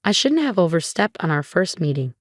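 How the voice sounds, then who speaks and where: A woman's voice: lowish voice, big pitch swings, a little fast, dry recording, clean studio sound. A woman voicing a polite young bride who stammers through flustered apologies, in a storybook reading. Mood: flustered apologetic.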